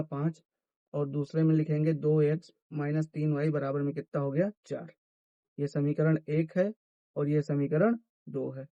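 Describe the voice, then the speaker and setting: Male math teacher, answers his own questions, pitched high. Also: warm tone, dry recording, lo-fi sound. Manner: asks questions and answers them himself. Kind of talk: classroom-style math lesson.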